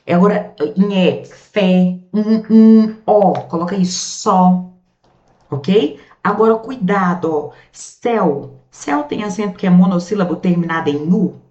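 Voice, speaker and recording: A Brazilian woman teaching a grammar lesson in a chatty, lively way, drawing out the words she stresses. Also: fairly low pitch. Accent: Brazilian Portuguese. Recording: muffled, echoey room.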